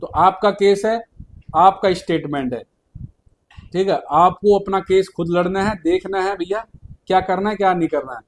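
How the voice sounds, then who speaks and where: Blunt, high-voiced man giving advice. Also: normal speed. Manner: informal, repeatedly checks the listener understands; addresses viewers as brother, blunt colloquial phrasing. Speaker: legal advice video host. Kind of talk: direct-to-camera advice talk.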